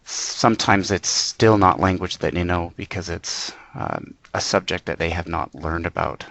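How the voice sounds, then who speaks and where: A man with a fairly low voice presents practical guidance. He explains plainly and in measured, short points, with a very dry sound free of room echo. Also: gravelly, a bit bright. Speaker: presenter on working with interpreters. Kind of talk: informal instructional presentation.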